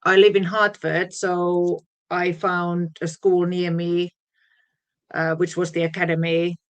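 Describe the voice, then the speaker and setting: Chatty Finnish woman, low voice. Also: level tone, slow. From Finland. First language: Finnish and Swedish. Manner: chatty, laughs often, many fillers. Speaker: guest DJ and producer. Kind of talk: casual interview chat.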